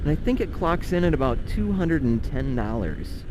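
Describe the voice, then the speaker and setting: A man's voice: on the high side, very animated, moderate pace. A man with an Upper Midwest American accent chats casually and profanely while riding a motorcycle, his rambling voice picked up from inside a helmet. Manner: rambling, profane, jokey asides. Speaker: motorcycle vlogger. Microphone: microphone inside a motorcycle helmet. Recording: wind and engine noise, helmet mic.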